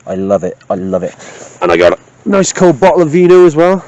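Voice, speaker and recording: A camper with a South Wales Valleys accent films an outdoor vlog at a woodland campsite, chatting casually and jokingly to a handheld camera. His voice is on the high side and darkish, brisk, with big pitch swings; there's no echo and the highs are cut off.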